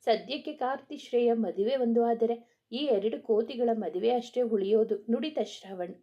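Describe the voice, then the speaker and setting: A woman narrates a romance story, reading each character's dialogue herself in one steady narrating voice. Her tone is mellow and warm. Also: fairly high pitch, normal speed, dull audio.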